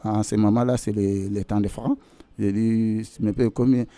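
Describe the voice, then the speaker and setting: A man's voice: lowish voice, steady tone, moderate pace, warm tone. A man telling his own story as a worker, animatedly re-enacting past arguments and often repeating himself. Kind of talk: personal testimony.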